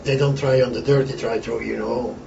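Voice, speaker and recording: An older retired wrestler from Antwerp, Belgium, whose first language is Flemish, reminisces in a casual chat. His medium-pitched, creaky voice stays steady but comes rapid-fire as he rambles bluntly and swears freely. The recording is distant and roomy, dull lo-fi with background hiss.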